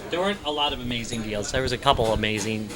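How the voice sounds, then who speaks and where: A man's voice: medium pitch, very fast, over music. A man co-hosting a gaming podcast, making dry wisecracks. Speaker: podcast co-host. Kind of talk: casual chat.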